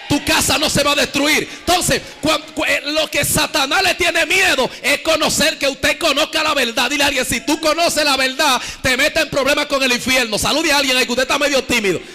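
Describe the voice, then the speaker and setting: Male preacher, very high and piercing voice, shouts and chants at the congregation. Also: fairly even intonation, fairly quick, few pauses. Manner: shouting, sing-song preaching with call-and-response to the congregation. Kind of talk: Pentecostal sermon. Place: church service.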